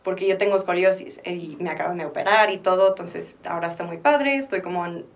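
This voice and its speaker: In a candid personal interview, this podcast guest, a woman in her twenties from Mexico, reflects openly in Mexican-accented Spanish, now and then mixing in English phrases. She talks fast in a lowish voice, far from the microphone.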